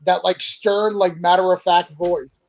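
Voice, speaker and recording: A man's voice: sits high, fairly even intonation, a little slow, a little mellow. A man hosting a comics panel, upbeat and joking with the guests. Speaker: panel host. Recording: dull lo-fi mic.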